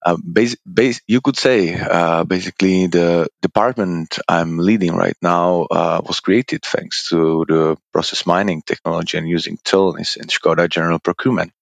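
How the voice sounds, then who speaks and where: A man, a guest answering interview questions, speaking haltingly with many fillers and restarts. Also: sits low, steady tone, creaky, no room sound. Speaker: guest, procurement department lead.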